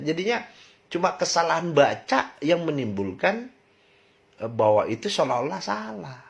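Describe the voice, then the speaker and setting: A man talking through a question in a casual monologue, asking many rhetorical questions and pausing on fillers. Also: on the high side, vocal fry. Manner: reflective, asks rhetorical questions, frequent fillers. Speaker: channel host discussing religion.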